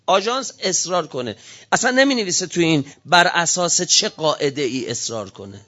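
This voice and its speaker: High-voiced man firing rhetorical questions. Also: expressive, sharp tone, lo-fi sound. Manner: heated, stream of rhetorical questions. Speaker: speaker giving a political talk. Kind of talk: impassioned speech.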